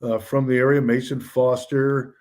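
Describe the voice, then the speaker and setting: A man's voice: mid-range voice, little pitch movement, moderate pace, a little mellow. A man who works in radio and media, chatting casually in an interview and telling stories with easy, self-deprecating humor.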